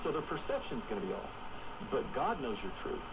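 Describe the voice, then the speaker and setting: A man's voice: mid-range voice, big pitch swings, brisk, vocal fry, crowd noise. A man speaking earnestly in a preaching style, heard as a faint shortwave radio broadcast. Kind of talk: preaching on a radio talk show. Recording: noisy, distant shortwave radio reception.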